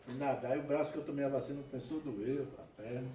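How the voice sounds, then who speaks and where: A man with a Brazilian Portuguese accent, a pastor preaching an animated sermon with laughter and asides. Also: mid-range voice, quick pace. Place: church hall. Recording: echoey church hall, mic at a distance.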